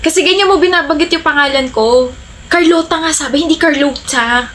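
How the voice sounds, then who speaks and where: A woman acting out a persistent, lovesick college girl with a Filipino accent. She chatters on and slips English into her Tagalog. Her voice sits a touch high, with faint noise in the background. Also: fast talker, a bit bright, low-quality recording. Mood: hurt. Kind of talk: short skit acting.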